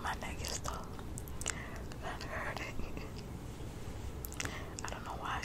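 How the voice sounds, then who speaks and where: A woman in her twenties doing laid-back, rambling ASMR chat in a breathy whisper, close to the mic, softly repeating her phrases. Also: slow. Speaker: ASMR creator. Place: small bedroom, lying in bed. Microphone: desk condenser microphone very close to the mouth.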